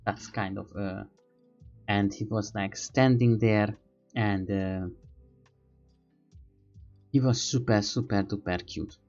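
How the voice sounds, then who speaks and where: A man's voice: lowish voice, fairly even intonation, slow pace, long pauses, a little mellow, highs cut off, soft background music. A man streaming, telling a rambling casual story in non-native English, hesitant and full of fillers as he searches for words.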